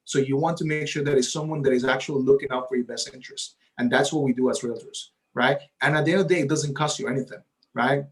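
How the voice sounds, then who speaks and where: In this casual interview, the guest is a realtor, a man with Spanish as his first language and a voice pitched in the middle. Fast and fairly even in intonation, he talks keenly and at length. He keeps checking in with "right?" in an easy, chatty tone.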